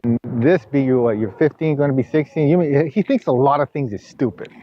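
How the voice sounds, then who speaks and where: Male coach, mid-pitched, rambling instructive talk, muffled lo-fi recording. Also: a little fast, dry recording, soft background music. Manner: rambling, repeats himself with many restarts; rises loud and high when scolding. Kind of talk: sports coaching session. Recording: dull lo-fi camera audio.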